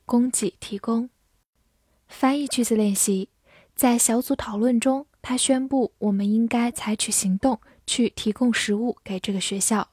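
A woman teaching English vocabulary in a patient, clear manner, slowing down to model each word and sentence. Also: on the high side, mellow, no echo, clean studio sound. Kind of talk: vocabulary lesson.

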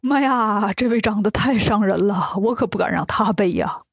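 A woman voicing a boastful, scheming male demon king in a children's story, with a sly, slow drawl. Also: mid-range voice, breathy edge, no room sound, studio quality, pitched below the performer's own voice. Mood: wheedling.

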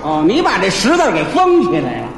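A man performing stage crosstalk comedy, bantering and trading riddles with quick comebacks. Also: high-pitched, wildly swooping pitch, vocal fry, crowd noise. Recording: echoey hall with faint hiss.

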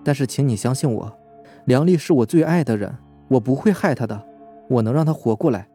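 A man voicing a calm, earnest young male chemistry teacher, speaking low and steady. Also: fairly quick, slightly rough, soft background music.

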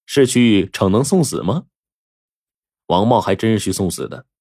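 Man, storyteller, chatty narration, rhetorical questions, husky, dry close sound. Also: fairly low pitch, very animated, moderate pace, darkish tone, no echo.

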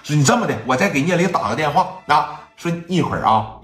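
In an echoey room with faint music behind him, a man voices a bossy older woman, a gang elder who scolds and lectures with indignant boasting. His voice runs fairly high and a bit bright, with lively intonation and a slightly quick pace.

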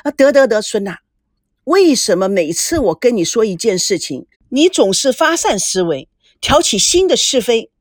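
A woman voicing a young woman who is hurt and hysterical, talking loudly and accusingly. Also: on the high side, very animated, normal speed, dry recording, clean studio sound. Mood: upset, accusing. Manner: loud, tearful, accusing.

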